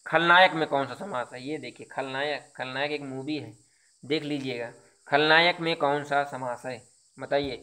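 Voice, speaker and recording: A man's voice: mid-range voice, normal speed, pushed and bright, clear, resonant tone. A man teaching Hindi, going through exam questions one by one, explaining each answer with repetition and rhetorical questions. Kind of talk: exam quiz lesson.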